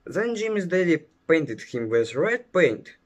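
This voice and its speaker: Slow, lilting male storybook reader. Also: a little high, highs cut off. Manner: slow, expressive storybook reading with fillers. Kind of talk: reading a children's story aloud.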